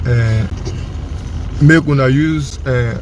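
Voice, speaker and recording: A man's voice: medium pitch, slow. A Nigerian man from Edo State speaking Pidgin in a casual running commentary, pleading and repeating himself emphatically to the public. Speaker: roving vlogger. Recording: loud vehicle and road noise.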